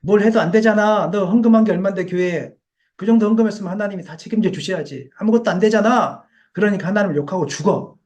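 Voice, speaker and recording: A man's voice: high-pitched, quick pace, a little mellow, natural voice. A male pastor voicing Satan, who mockingly and insistently urges a believer to curse God. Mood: taunting. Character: taunting male Satan urging despair.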